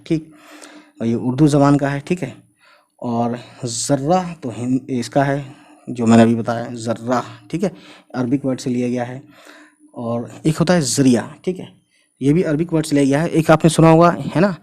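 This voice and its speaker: A man's voice: mid-range voice, a little mellow. Man teaching spelling patiently. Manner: explains patiently, often adds "thik hai" and "you know". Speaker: Urdu teacher. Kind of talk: spoken language lesson for Hindi speakers.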